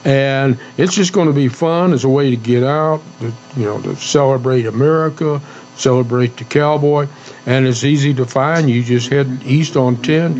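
A man's voice: medium pitch, darkish tone. A man with a folksy, plain-spoken cowboy way of talking, co-hosting a casual show of chat and cowboy poetry. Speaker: co-host of a casual talk show. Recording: dull lo-fi audio with faint hum.

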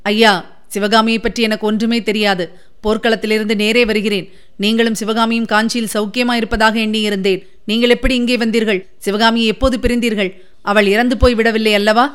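A woman's voice: medium pitch, level tone, moderate pace, clear, resonant tone, close to an everyday voice. A woman voicing a young warrior prince who speaks in a firm, restrained, commanding way. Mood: stern.

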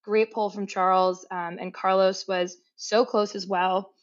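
A woman's voice: medium pitch, flat delivery, measured pace. An upbeat woman co-hosting a chatty podcast, her voice sitting in an ordinary middle register. The sound is a little dull and lo-fi, as from a modest home mic. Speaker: podcast co-host. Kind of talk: casual chat.

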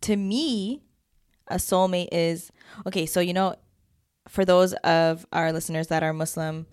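A woman's voice: fairly low pitch, fairly even intonation, unhurried, darkish tone, clean tone, no echo, studio quality. A young woman co-hosting a casual podcast, rambling with lots of fillers and frequent giggles. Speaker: podcast co-host. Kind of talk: casual chat.

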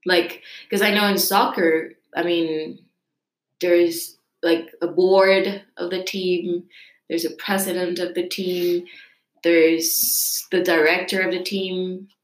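A woman's voice: lowish voice, little pitch movement, takes it slowly. A young woman from Rica, hosting a casual interview and asking chatty, curious questions. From Costa Rica. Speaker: host. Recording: echoey room.

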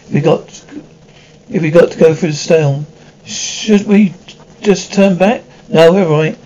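A man reads out the roles of a period military drama in a high-pitched voice. The delivery stumbles, restarting and repeating words as it moves between pilots and others. The sound is dull and lo-fi. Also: measured pace, dark tone. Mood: urgent.

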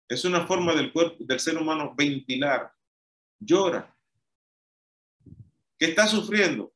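A man's voice: fairly high pitch, fairly bright tone. A man preaching an emphatic, repetitive sermon. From Dominican Republic.

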